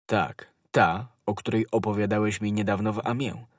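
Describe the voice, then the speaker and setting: A man voicing a hot-headed young swordsman who speaks solemnly and urgently, often hushed, in a storybook reading. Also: lowish voice, fairly even intonation, normal speed, dry recording, clean studio sound, natural voice.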